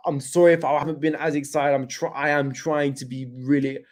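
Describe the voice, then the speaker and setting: A young man hosting a crypto livestream, chatting casually, loose with slang, slowed by pain from his hip. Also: fairly high pitch, flat delivery. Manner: chatty, laid-back, loose with slang and fillers.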